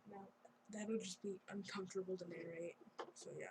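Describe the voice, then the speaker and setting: A woman's voice: mid-range voice, fairly even intonation, normal speed, background noise. A young woman improvising a fan story in a rambling, giggly, chatty way. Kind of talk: casual improvised story narration.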